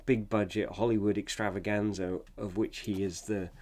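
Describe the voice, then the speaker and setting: A man's voice: on the low side, little pitch movement, normal speed, darkish tone, a little hiss or hum. A man appearing as a guest on a film podcast, talking enthusiastically and sharing production anecdotes. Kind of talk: casual film discussion.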